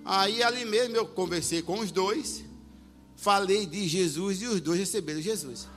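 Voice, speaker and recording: A man preaching a sermon, telling a story with animated delivery, acting out voices and sometimes shouting. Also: sits high, moderate pace. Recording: long hall reverb with faint music.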